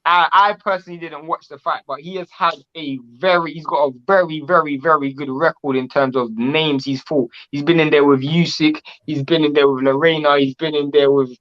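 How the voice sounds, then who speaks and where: A man's voice: on the high side, fairly even intonation, fairly quick, hardly any pauses, muffled recording. A man hosting a casual boxing interview, asking rambling, enthusiastic questions with restarts. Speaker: boxing channel host.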